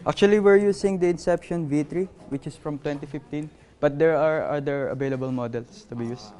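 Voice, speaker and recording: Guy demoing at a workshop, kinda high voice, halting and apologetic. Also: darkish tone. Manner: halting, apologetic, many fillers. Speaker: workshop presenter. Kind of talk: live workshop demo. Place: conference workshop room.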